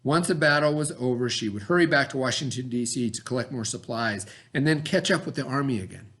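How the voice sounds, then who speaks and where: Speaking at a brisk clip in a medium pitch, a man plays teacher as he reads aloud, asking pupils questions and explaining things simply in a lively, instructive manner.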